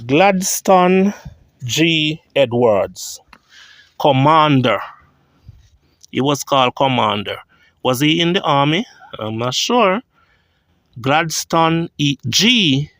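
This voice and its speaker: Man, Jamaican accent, slow unhurried talk, dry close sound, outdoor cemetery tour vlog, reads inscriptions aloud. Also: a little high, animated, no room sound. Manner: reads grave inscriptions aloud, thinking out loud. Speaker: vlogger.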